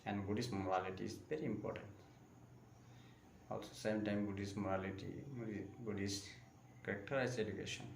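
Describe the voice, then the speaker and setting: A Buddhist monk giving a live-streamed Dharma talk in slow, repetitive. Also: male voice, lowish voice, flat delivery, creaky. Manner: slow, repetitive phrasing in non-native English. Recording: echoey room with faint ambient noise.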